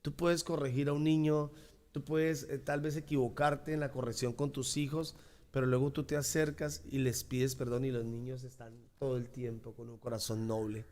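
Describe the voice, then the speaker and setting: A man's voice: medium pitch, level tone, moderate pace, a little mellow. A man preaching a sermon as pastor, emphatic and repeating key phrases.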